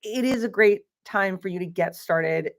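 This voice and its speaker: A woman's voice: mid-range voice, normal speed, a little hiss or hum. A woman co-owner hosting a casual live stream, chatty and greeting viewers, with a slight lisp from her aligners. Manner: chatty, laughs often, greets viewers by name.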